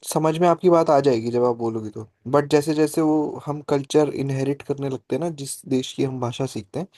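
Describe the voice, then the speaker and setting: A man's voice: medium pitch, fairly even intonation, dark tone, no room sound. A man teaching a French class over a video call, explaining patiently and checking in with his students often. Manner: slow, patient explaining with frequent "ठीक है" checks. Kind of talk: live online class, Hindi-English mix.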